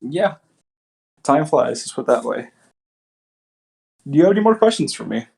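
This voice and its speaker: A man's voice: medium pitch, big pitch swings, moderate pace, creaky, a little mellow. A man talking as a guest in a casual interview, laid-back and blunt, with casual swearing. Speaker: guest, battle rapper.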